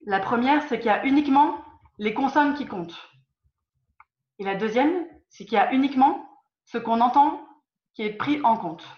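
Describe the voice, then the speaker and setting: A woman's voice: on the high side, normal speed, pauses often. A woman teaching an online group lesson over a video call, patiently quizzing her students and often repeating or restarting her phrases. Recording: roomy, dull lo-fi call audio.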